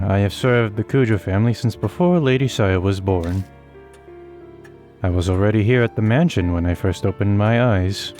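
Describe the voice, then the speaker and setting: A man voicing a monotone doll maid. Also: lowish voice, natural voice. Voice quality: monotone, formal and polite. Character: emotionless doll-like female servant spirit.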